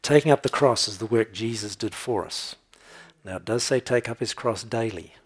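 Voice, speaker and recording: Husky low-voiced man preaching. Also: moderate pace. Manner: conversational, tells jokes and laughs, checks in with "okay?". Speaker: pastor. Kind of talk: sermon.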